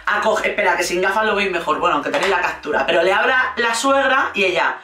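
Speaking with an accent from Spain, a woman riffs sarcastically on a reality show, cursing without restraint and performing the quotes she repeats. Her medium-pitched voice is animated, quick, pushed and bright. She sounds slightly far from the mic in an echoey room, with slight background noise.

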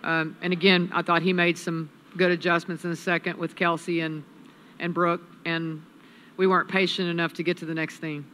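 Woman coach, bright steady voice. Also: lowish voice, slight background noise. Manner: measured, analytical, many restarts. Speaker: head coach. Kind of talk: postgame press conference. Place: press room with sponsor backdrop. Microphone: table mic on a stand.

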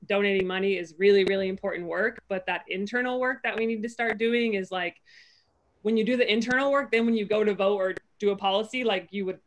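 A young woman with a mid-range voice talks earnestly on a video call from home, thinking aloud through her points. She peppers her speech with "like" and slips into short playful voices when quoting her own thoughts. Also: mid-range voice. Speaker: panelist, pro basketball player. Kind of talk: panel discussion on a video call. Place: home room. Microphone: video call, laptop webcam.

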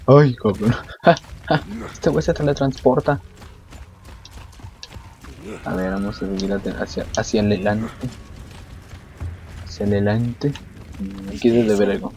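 Foul-mouthed Mexican gamer joking along. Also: male voice, on the low side, slow pace, pauses often, a little mellow, slight background noise. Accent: Mexican Spanish. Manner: crude, profane, joking banter. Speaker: gamer streamer. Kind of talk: let's-play commentary.

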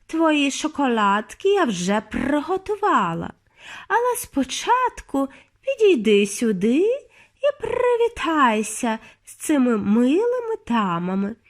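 A scheming witch queen in a storybook, drawn-out and syrupy when she coaxes, shrill and gloating when she chants, as a woman reader puts her on. Her voice sits high and swings wide. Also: sing-song, heavily acted. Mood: sugary. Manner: slow sugary coaxing, then shrieking chants. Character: scheming female witch leader, sugary then shrill.

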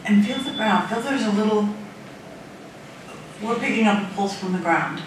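Female medium, halting and repetitive, casual séance talk, off-mic in a strongly echoing room. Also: mid-range voice. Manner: halting, repeats words. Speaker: psychic medium. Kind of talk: casual paranormal session talk. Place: indoors in hotel room. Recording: distant, echoey room, loud noise.

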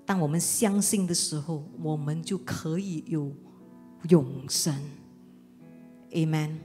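A middle-aged woman pastor from Indonesia, giving an earnest personal testimony sermon with hesitant pauses. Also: low-pitched. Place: church auditorium. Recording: long hall reverb with soft music. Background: soft instrumental music.

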